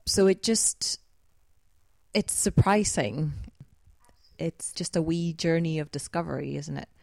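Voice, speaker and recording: A woman's voice: low voice, measured pace, gravelly, darkish tone, no room sound. A woman co-hosting a podcast, chatting in a reflective way and laughing easily. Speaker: podcast co-host and editor. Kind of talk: casual podcast chat.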